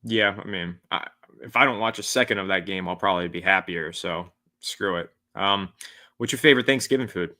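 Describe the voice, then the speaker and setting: A man's voice: low-pitched, a little fast, bright, forceful tone. A man co-hosting a casual sports podcast, giving blunt, opinionated takes. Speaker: podcast co-host.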